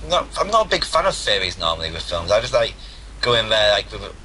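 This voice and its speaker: A man's voice: fairly low pitch, sing-song, fast, sharp tone, a little hiss or hum, rough recording. A young man co-hosting a casual podcast, chatting with enthusiasm, repeating himself and swearing casually. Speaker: podcast co-host.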